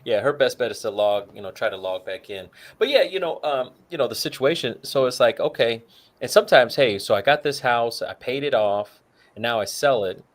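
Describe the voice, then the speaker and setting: Brisk and animated, with a medium pitch, a man co-hosting a talk show chats his way through retirement numbers. He calculates the figures aloud and sprinkles in many fillers, especially "you know."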